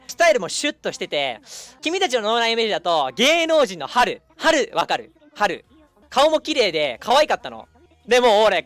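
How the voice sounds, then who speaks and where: A young man chatting casually as a streamer, telling a long story in an animated way and acting out the people in it. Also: very high voice. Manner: animated, acts out quoted people.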